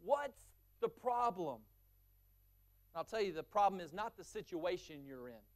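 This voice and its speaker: Very animated and at normal speed, a male pastor preaches a sermon, driving up the force with long lists and then dropping low and quiet to make key points.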